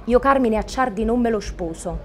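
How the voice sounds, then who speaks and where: A woman's voice: fairly high pitch, fast, a little hiss or hum, close to an everyday voice. A woman playing a chatty mother. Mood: lively, fussing. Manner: lively, earthy, dialect-laced storytelling. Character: chatty southern mother of a weeping bride. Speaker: auditioning actress. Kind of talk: theatrical storytelling monologue.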